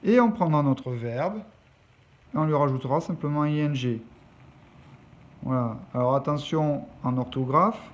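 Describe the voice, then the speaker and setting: A man's voice: a little high, a little slow, long pauses. Male teacher with a dull lo-fi sound. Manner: explains step by step, checking understanding. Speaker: English teacher. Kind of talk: classroom lesson explanation. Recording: dull lo-fi recording, faint background noise.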